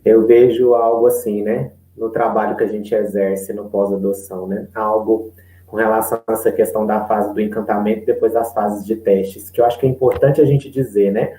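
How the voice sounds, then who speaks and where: A Brazilian man moderating a panel, speaking in a measured, reflective way and often tagging his sentences with questions. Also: on the low side, fairly even intonation, mellow. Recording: echoey room.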